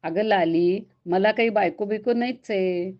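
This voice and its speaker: A woman's voice: mid-range voice, measured pace, highs cut off, lightly acted. A woman voicing an old blind male ascetic who grumbles and complains in a pleading, tearful way. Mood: complaining.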